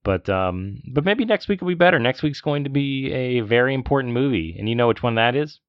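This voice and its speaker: A man's voice: mid-range voice, expressive, brisk, dry recording. A man co-hosting a podcast, telling a story in casual chat and ranting as he goes. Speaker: podcast co-host. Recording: dull lo-fi sound, dry.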